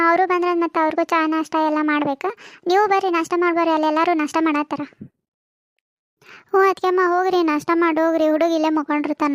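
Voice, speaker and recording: A woman's voice: very high-pitched, no room sound, dull audio. A woman with a North Karnataka accent voicing chatty, homely village family talk for a cartoon comedy. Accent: North Karnataka Kannada. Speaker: cartoon voice artist.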